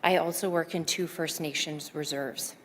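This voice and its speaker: A slightly low-voiced woman speaks at a podium microphone in a big council chamber, her words trailing off into a long reverb. She is out of breath and earnest, explaining her ideas as she thinks them through, and a faint room hum sits underneath. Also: steady tone, normal speed, a bit bright. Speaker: psychiatrist speaking as public delegate. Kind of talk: public testimony at a budget hearing.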